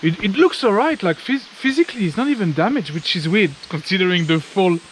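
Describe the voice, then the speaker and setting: A man with a slightly high voice chats informally as a travel vlogger. He comments casually on his surroundings in the open air. Light ambient noise sits behind his voice. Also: lively intonation, fairly quick, poor audio. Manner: informal, chatty, occasional swearing. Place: outdoors on forest walking paths.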